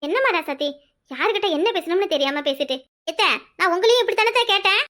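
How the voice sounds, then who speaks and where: Woman voicing a middle-aged mother-in-law, cartoon, placating, high bright voice, southern Tamil Nadu accent. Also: animated, fast. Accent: southern Tamil Nadu dialect. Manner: soothing, apologetic.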